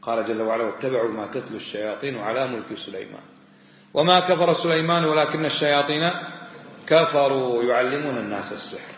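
Middle-aged preacher, brisk and scolding, recorded in a roomy hall. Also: male voice, mid-range voice, fairly bright tone. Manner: admonishing, questions the listener directly; recites verses in a raised chanting voice. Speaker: sheikh teaching a creed text. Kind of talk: sermon-style lesson. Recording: echoey hall.

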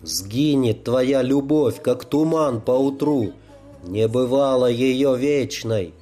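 A man voicing a stern old sorcerer who teaches a dying boy, speaking slowly and commandingly. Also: mid-range voice, warm tone, faint music behind, natural voice.

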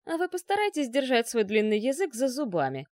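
A woman's voice: on the high side, big pitch swings, fairly quick, a little mellow, no room sound, studio quality, pitched above the performer's own voice. A woman voicing a cold, mocking, menacing man who makes threats.

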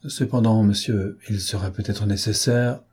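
A man's voice: fairly low pitch, steady tone, normal speed, a little mellow, breathy edge. A man voicing a haughty, mocking rich prince in an audiobook, speaking coldly and with scorn. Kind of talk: audiobook character voice.

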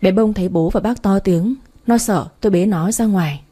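A woman narrating a romance story in the first person, with even, soft storytelling. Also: medium pitch, moderate pace.

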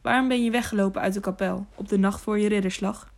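A dark, bearded male knight speaks curtly and gruffly, short on patience, as a woman reads him in a storybook. His voice sits at a middle pitch. It is part of an audiobook reading. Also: steady tone, fast talker. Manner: gruff and curt.

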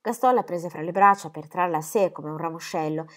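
A woman reading a novel aloud as narrator in a calm, measured way. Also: fairly low pitch. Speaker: reader. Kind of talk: scripted narration.

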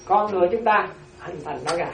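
This Buddhist nun has a fairly low voice and talks a little fast while giving a dharma talk to her class. She repeats key phrases and often checks that listeners follow. Recorded roomy from a distant mic, there's a little hiss or hum.

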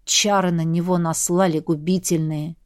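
A woman voicing a terse, sombre man, an archer, lowering her voice in an audiobook. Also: steady tone, moderate pace, no room sound, studio quality, close to an everyday voice. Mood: grim. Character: grim terse male archer, grieving and reserved.

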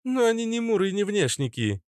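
A man voicing a brash, sharp-tongued young woman who mocks everyone, in an audiobook. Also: sits high, big pitch swings, a little fast, clear, resonant tone, dry recording, studio quality, pitched above the performer's own voice. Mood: appraising. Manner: mocking, teasing.

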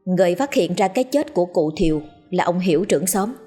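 A woman narrating a story in a measured, expressive reading. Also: on the low side, husky, faint music behind. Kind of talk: scripted narration of a ghost story.

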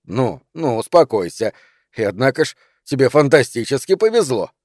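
A man's voice: mid-range voice, big pitch swings, normal speed, darkish tone, dry recording, clean studio sound. A man reading aloud and voicing a smug, condescending middle-aged husband. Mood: soothing.

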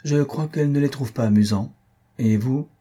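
A man reading an audiobook, voicing a reserved, quietly jealous young wife who answers briefly and guardedly. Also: mid-range voice, normal speed, slightly rough, pitched above the performer's own voice, lightly acted.

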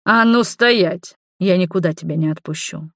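Woman narrator playing an insistent young male lover, low, deliberate, dry audiobook sound. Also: a bit bright, dry recording. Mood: insistent pleading. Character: passionate young man, a stubborn lover.

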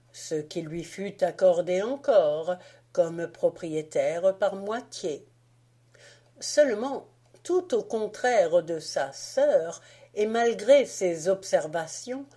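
A woman calmly reading a classic tale aloud as an audiobook narrator. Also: on the low side. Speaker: audiobook reader. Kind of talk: scripted narration.

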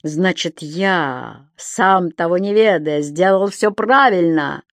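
A woman's voice: lowish voice, expressive, slow, no echo. A scheming, pompous middle-aged official, played by a woman reader, curt and commanding, sliding into false politeness. Read close and dry, as in a storybook.

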